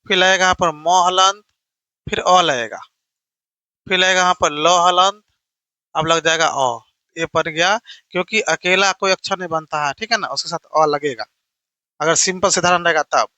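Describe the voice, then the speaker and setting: A male teacher runs through an exam-prep grammar lesson in a high, bright voice. He repeats each point and keeps checking that the class is following. The sound is dry and close, with little room echo. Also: normal speed, pauses often. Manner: repetitive, keeps checking "theek hai na"; asks and answers his own questions.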